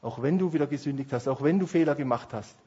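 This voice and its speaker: A man preaching a sermon as pastor, passionate, swinging between hushed and emphatic delivery. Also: on the high side, quick pace, slightly rough, lo-fi sound.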